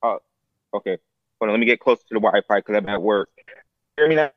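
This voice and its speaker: A man's voice: lowish voice, expressive, fast, no echo. A man speaking from work on a group call, his audio choppy and breaking up, talking hesitantly with ums and uhs. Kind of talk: casual spoken feedback. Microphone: phone or computer on a call. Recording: dull, dry, glitchy online call.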